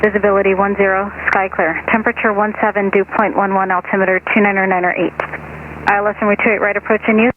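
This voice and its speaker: An airport weather information broadcast played over an aircraft radio. The voice reads out wind, visibility, sky, temperature and runway figures in an even recorded readout. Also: medium pitch, fast. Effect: automated airport weather broadcast over aircraft radio. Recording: muffled aircraft radio reception.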